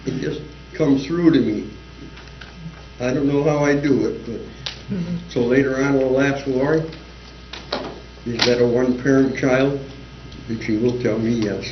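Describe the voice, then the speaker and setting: A man's voice: mid-range voice, measured pace, pauses often, background noise. An older man, a former school board member, giving folksy, anecdotal remarks at a public meeting. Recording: roomy, dull community TV audio.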